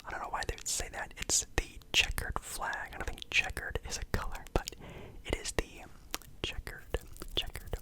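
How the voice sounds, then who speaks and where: A man's voice: normal speed, sharp tone. Man whispering ASMR right in your ear. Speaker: ASMR video host.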